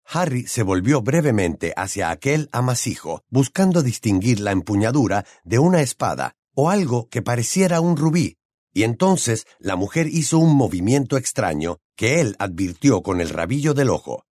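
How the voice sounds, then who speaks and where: An audiobook narrator reads a fantasy story aloud, a man delivering the scripted narration with dramatic, expressive storytelling. His mid-range voice moves at a normal speed. The recording is dry and studio quality.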